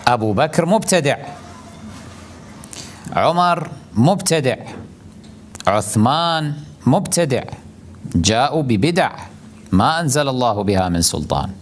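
A male cleric giving a forceful religious lecture, asking rhetorical questions and repeating his points for emphasis. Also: mid-range voice, big pitch swings, unhurried, long pauses, a little hiss or hum. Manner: rhetorical questions, mimics opponents in a raised voice.

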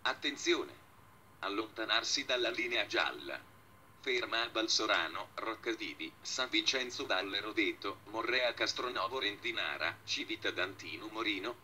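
Flat, formal male station announcer, very bright. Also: fairly low pitch, slight background noise. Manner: clipped, segmented, formulaic delivery.

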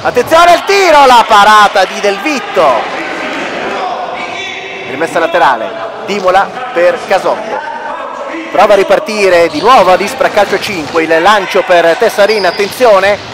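High-pitched excitable male sports commentator. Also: measured pace. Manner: excitable, shouting goal calls. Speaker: match commentator. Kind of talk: futsal play-by-play commentary. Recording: music and crowd noise behind. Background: music, sports hall crowd.

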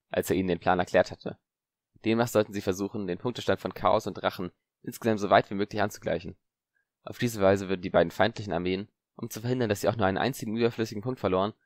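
A man narrating an audiobook in an even, measured reading. His voice sits on the low side. The sound is dry and close. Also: no echo. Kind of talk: scripted narration.

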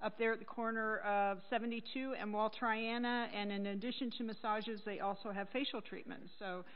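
A woman's voice: mid-range voice, fairly even intonation, normal speed, lo-fi sound. A woman, a council member speaking in a friendly, upbeat way at a meeting. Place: council chamber.

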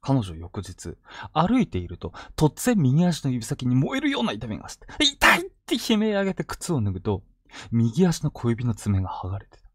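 A man narrates true ghost stories in a hushed, suspenseful way. His pitch swings widely as he builds dread. The sound is dry and close, with no room around it. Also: wildly swooping pitch, normal speed, slightly rough, no echo. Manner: hushed, suspenseful storytelling with sudden vivid quotes.

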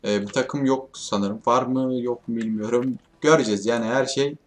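A young man commenting on a shooter as he plays it, in a voice of middling pitch for a man. He swears often and yells at his teammates when things go wrong. He keeps up a loose, chatty stream of commentary between rounds. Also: fairly even intonation, moderate pace. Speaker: gaming YouTuber. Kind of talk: casual gameplay commentary.

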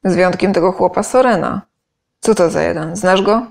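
A woman's voice: fairly low pitch, normal speed, creaky, a little mellow. A woman voicing a stern, curt male monster hunter who gives orders, in a read-aloud story. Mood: probing. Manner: curt and commanding.

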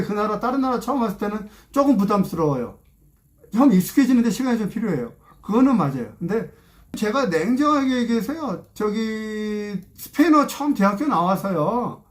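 Rambling Korean man, lively high voice. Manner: rambling, repeats phrases, trails off. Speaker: channel host. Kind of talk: casual talk to camera.

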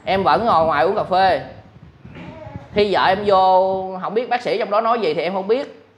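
Young man, Southern Vietnamese accent, earnest first-person account, slightly raised pitch, dull recording with faint noise. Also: normal speed. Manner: earnest, retells dialogue in quotes, many fillers. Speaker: husband telling his story.

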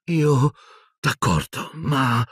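A man's voice: mid-range voice, lively intonation, drawn-out words, fairly bright tone, slightly rough, dry recording, clean studio sound, pitched above the performer's own voice, heavily acted. A man voicing a desperate teenage boy wizard in an audiobook, with an urgent, strained, imploring delivery. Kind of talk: audiobook character voice.

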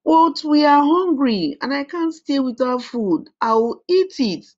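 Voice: high-pitched, big pitch swings, unhurried, dull audio, voice pushed up. A narrator doing a stubborn hungry little brother. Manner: pleading, whiny, raised voice. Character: stubborn hungry younger boy.

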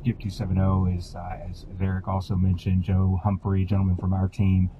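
A man's voice: sits low, completely flat delivery, a little fast. A man speaking as a podcast guest in casual interview, heard as dashcam audio from a car stereo. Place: played inside a moving car. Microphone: picked up by dashcam microphone. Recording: dull car stereo playback with road noise.

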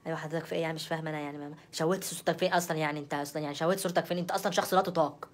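Exasperated fast-talking Egyptian woman. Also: low voice, fairly even intonation, a little hiss or hum. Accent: Egyptian Arabic. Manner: exasperated, repeats herself. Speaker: comic performer. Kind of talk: comic phone-call sketch.

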